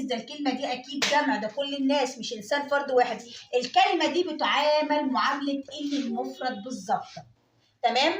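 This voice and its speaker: A woman with an Egyptian Arabic accent leads an exam-prep French lesson. She speaks in a high voice, asking questions aloud and answering them herself as she goes. The sound carries the echo of a reverberant room. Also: slight background noise. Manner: explains step by step, asks and answers her own questions. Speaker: French teacher.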